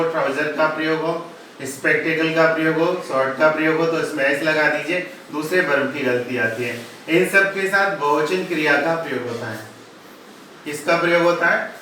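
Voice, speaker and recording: A man teaching English grammar in a recorded lesson, explaining slowly in Hindi and spelling example words out letter by letter. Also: on the high side, bright, forceful tone, distant mic. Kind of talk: recorded classroom-style lesson. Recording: echoey room, voice from off-mic, faint ambient noise.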